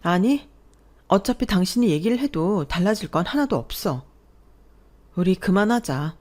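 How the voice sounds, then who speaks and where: A woman's voice: mid-range voice, lively intonation, moderate pace, a little mellow, natural voice. A woman voicing a young wife who is fed up with her mother-in-law, speaking sharply in a radio drama. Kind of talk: Korean radio drama acting.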